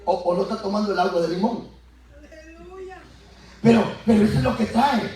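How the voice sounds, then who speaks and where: A pastor preaching an animated Pentecostal sermon to his congregation, acting out biblical voices and building to shouts. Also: high-pitched, moderate pace. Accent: Latin American Spanish. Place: church sanctuary. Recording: echoey church heard from far off. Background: congregation answering.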